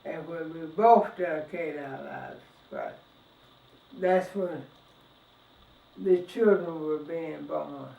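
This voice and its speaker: A woman of ninety, reminiscing in an interview in a halting way, repeating words as she goes. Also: low voice, sing-song, gravelly. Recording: echoey room, distant muffled mic.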